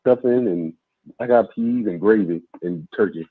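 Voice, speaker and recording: A man's voice: fairly low pitch, normal speed. Man on a breaking-up phone line. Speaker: caller. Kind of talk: casual call-in chat.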